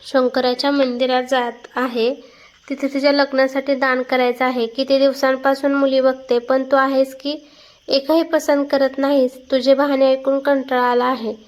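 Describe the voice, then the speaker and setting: A woman reading a story aloud and voicing an angry older mother who shouts accusations. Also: high voice, level tone, normal speed, close to an everyday voice. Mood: irritated.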